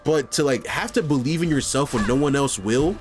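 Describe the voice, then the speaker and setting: A New York man hosts a reaction commentary channel, casual and heartfelt, peppering his talk with "like" and swearing. His mid-range voice is expressive and a little fast, with music in the background.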